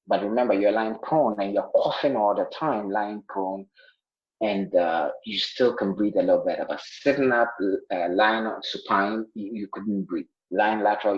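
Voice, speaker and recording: Guy in his 40s, real low voice, talks earnest w lots of uhs, kinda echoey muffled line. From Ghana. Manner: earnest, many fillers and restarts. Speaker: guest, health care worker recovered from illness. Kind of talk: interview, personal account. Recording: roomy, dull sounding line.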